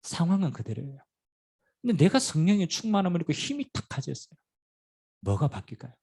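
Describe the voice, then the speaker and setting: A middle-aged pastor preaches in a church with a gravelly, husky voice. His pitch jumps all over the place, and he swings between loud bursts and hushed asides. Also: brisk. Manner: animated preaching with sudden loud and quiet swings. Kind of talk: sermon. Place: church sanctuary.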